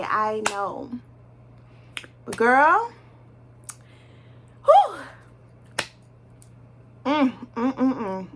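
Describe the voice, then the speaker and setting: A woman's voice: fairly high pitch, fairly bright tone, a little hiss or hum. Chatty young Southern woman vlogging. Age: 20s. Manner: chatty, scattered, talks straight to viewers. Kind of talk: casual chat to camera. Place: bedroom floor at home.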